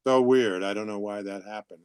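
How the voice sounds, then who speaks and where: Low-voiced man on a video call. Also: fairly even intonation, fairly quick, a crowd in the background. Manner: brief, agreeable replies. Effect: heard over a video call. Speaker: commission member. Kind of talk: casual meeting chat.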